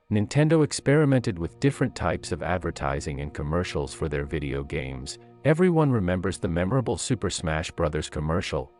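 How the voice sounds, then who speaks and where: Really deep guy narrating a countdown video, lots of pitch movement, music underneath. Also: darkish tone. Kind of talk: scripted countdown documentary narration. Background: faint-to-clear background music.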